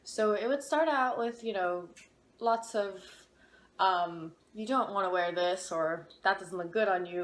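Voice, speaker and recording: A woman in her twenties from Ukraine speaks candidly about her past, thinking aloud with small hesitations. Her voice sits a little low and carries the echo of a bare room, with faint noise behind it. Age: 20s. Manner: candid, reflective, with hesitant fillers. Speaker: interviewee. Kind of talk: personal testimony.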